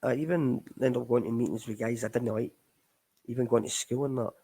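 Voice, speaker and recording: A man's voice: medium pitch, steady tone, brisk, warm tone, breathy edge, rough recording. A middle-aged Scottish man hosting a recovery chat, talking candidly and rambling, calling his listeners folks. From Scotland. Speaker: recovery podcast host. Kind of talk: casual live chat.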